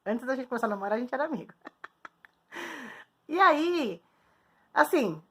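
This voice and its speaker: A young adult woman from Brazil in a casual, frank monologue to her viewers, chatty and quick to laugh. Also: high voice, lively intonation, fairly bright tone, a little hiss or hum. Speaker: vlogger.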